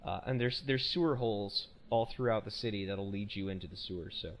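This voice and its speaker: A man's voice: fairly low pitch, a little fast, a little hiss or hum. A man hosting a casual podcast, rambling and self-correcting with a joking tone. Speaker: podcast host.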